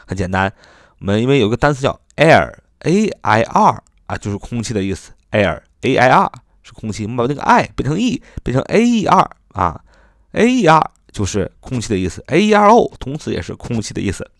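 A man teaching English vocabulary in a chatty lesson, spelling words out letter by letter and repeating them slowly. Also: mid-range voice, very animated, dry recording, clean studio sound. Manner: frequent "啊" fillers, chatty.

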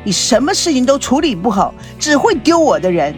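A woman's voice: high-pitched, sing-song, a little fast, soft background music. A woman voicing an angry, domineering middle-aged father who barks orders. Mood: furious.

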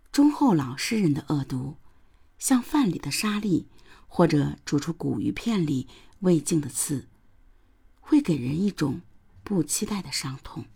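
Low gravelly woman narrating true crime. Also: dark tone. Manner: grave, dramatic, dropping to a whisper. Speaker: podcast host.

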